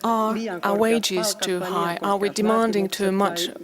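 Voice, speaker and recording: A woman's voice: mid-range voice, fairly even intonation, measured pace. Woman from Finland, participant; earnest, crowd around. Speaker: poll participant.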